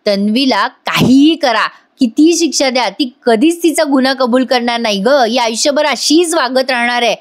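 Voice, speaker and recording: A woman's voice: high-pitched, normal speed, few pauses, natural voice. Woman reading a firm, warning young husband. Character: young husband threatening a schemer.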